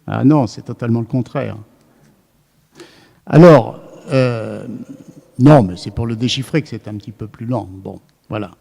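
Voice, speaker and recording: A man's voice: mid-range voice, a little slow, creaky, long pauses, warm tone. A man giving an academic lecture to a live audience, thinking aloud and often restarting his sentences. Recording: long reverb of a lecture hall.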